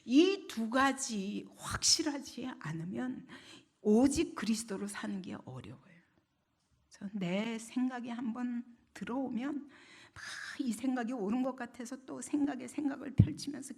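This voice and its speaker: A woman pastor preaching a sermon, asking the congregation rhetorical questions and swinging between loud declarations and hushed near-whispers. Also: fairly high pitch, breathy edge.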